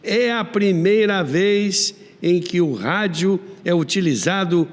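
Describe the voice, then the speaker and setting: Taking it slowly in a high voice, this Brazilian radio history podcast host tells his programme's stories with emphatic, old-fashioned announcer flair. Long reverb is laid over his voice.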